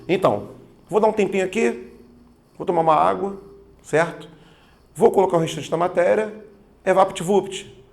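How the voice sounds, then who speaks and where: Male teacher with some fry, casual, chatty, addresses the student directly. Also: a little high, darkish tone. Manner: informal, slangy, talks straight to the student. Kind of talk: exam-prep grammar lesson.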